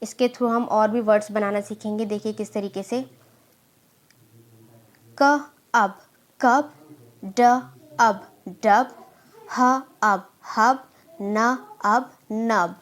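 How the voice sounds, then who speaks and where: Slow-drilling woman teacher. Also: mid-range voice, fairly even intonation. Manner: sounds out letters and blends them slowly.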